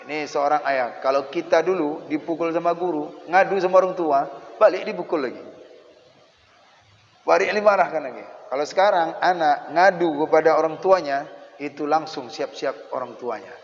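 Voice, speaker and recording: A man gives a mosque study lesson in a fairly high voice, animated and quick to act out the people in his stories. The sound is dull and lo-fi, with a long echo off a big hall. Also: slight background noise. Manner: animated, acts out children and parents in quick asides. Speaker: religious teacher.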